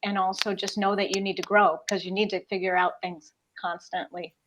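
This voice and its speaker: A woman's voice: medium pitch, fairly even intonation, fairly quick, background noise. A woman moderating an online panel, upbeat and encouraging, handing the turn to each guest. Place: video call.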